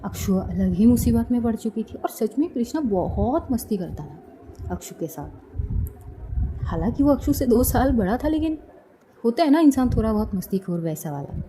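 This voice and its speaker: A woman's voice: a little high, big pitch swings, normal speed, background noise. A woman telling a story in a casual, conversational way. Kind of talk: storytelling narration.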